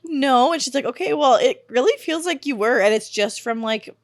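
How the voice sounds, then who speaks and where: A woman's voice: high voice, normal speed. A woman in her twenties co-hosting a podcast, chatting casually and telling stories with easy laughs. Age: 20s. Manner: animated storyteller, laughs easily. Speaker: podcast co-host. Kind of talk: casual chat.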